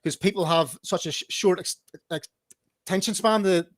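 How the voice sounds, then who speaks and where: A man hosting a relaxed live podcast chat, his voice sitting a bit higher than most men's. He sounds chatty and encouraging and often stumbles over repeated words. The sound is close and dry, with no room around it. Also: normal speed, dry recording. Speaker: podcast host. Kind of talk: casual live-stream interview.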